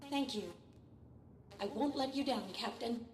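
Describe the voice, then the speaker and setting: A woman's voice: on the high side, measured pace, natural voice. A woman playing an earnest, unsure young pirate recruit in a video game. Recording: roomy echo, faint background noise.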